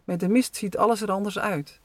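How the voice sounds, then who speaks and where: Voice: mid-range voice, steady tone, a little fast, no echo, natural voice. A storyteller doing a kindly old grandpa. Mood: reassuring. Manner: cheerful, encouraging. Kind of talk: read-aloud story dialogue.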